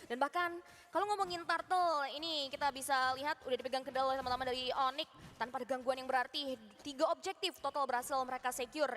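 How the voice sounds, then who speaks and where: An Indonesian woman analyses a live game match as an esports commentator. Her voice sits high and she speaks quickly in long, flowing explanations. A long reverb hangs around the voice. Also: a bit bright.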